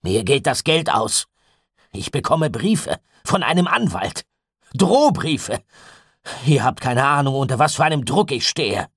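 A man voicing an irritable, harried male farm owner who talks curtly and sounds strained and rough in an audiobook story. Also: mid-range voice, sing-song, no room sound, clean studio sound, pitched above the performer's own voice. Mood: desperate. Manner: quick-tempered and curt.

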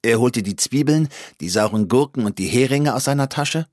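A man's voice: mid-range voice, lively intonation, moderate pace, darkish tone, no echo. Dry-voiced man reading a wry story. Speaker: narrator. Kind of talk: scripted first-person story reading.

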